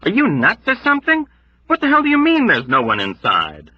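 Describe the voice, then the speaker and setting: A man doing a dread-filled shouting soldier. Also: sits high, wildly swooping pitch, moderate pace, dry recording, pitched above the performer's own voice, full character voice. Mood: agitated. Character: agitated young male soldier, dread-filled. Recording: dull lo-fi recording.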